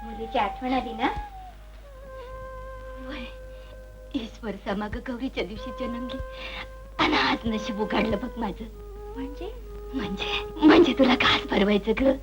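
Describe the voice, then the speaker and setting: A woman's voice: very high-pitched, measured pace, long pauses. An actress playing a poor village woman who weeps and pleads, in an old film drama. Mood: tender, tearful. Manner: weeping, pleading. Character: poor village woman, tender then fierce. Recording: old film soundtrack with music.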